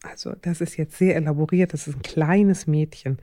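A middle-aged woman in a relaxed podcast chat, sharing parenting advice in a mellow, dark voice. She talks thoughtfully and hesitantly, pausing on fillers as she works through her ideas. The sound is dry and close. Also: low voice, no room sound. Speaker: parenting advisor. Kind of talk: casual podcast conversation.

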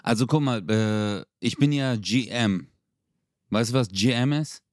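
A young man chatting casually on a podcast, telling an animated story with street slang. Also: mid-range voice, measured pace, no echo, clean studio sound. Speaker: podcast co-host. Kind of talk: casual chat.

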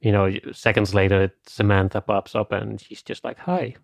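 A man's voice: on the low side, little pitch movement, normal speed, creaky, no room sound. A man co-hosting a film podcast, talking things through in a casual, conversational way with a lot of "you know" and "like.". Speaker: podcast co-host.

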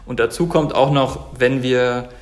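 Man, thirties, from Germany, earnest, halting, fillers and restarts, mid pitch. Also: fairly even intonation. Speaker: guest, company founder. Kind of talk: casual interview talk.

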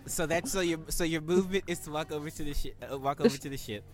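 A man's voice: on the high side, fast. A young man running a tabletop role-playing game as game master, playful and laughing often.

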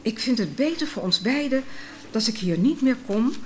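A woman reading the quoted lines of a serious, gentle young man in a read-aloud story. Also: fairly high pitch, lively intonation, moderate pace, slight background noise, close to an everyday voice. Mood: earnest.

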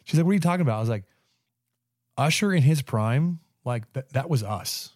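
A man of thirty-five co-hosting a sports podcast, telling stories in casual chat with quick stammering restarts. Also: mid-range voice, dry recording, clean studio sound. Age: 30s. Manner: animated storyteller, stammering restarts. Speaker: podcast co-host.

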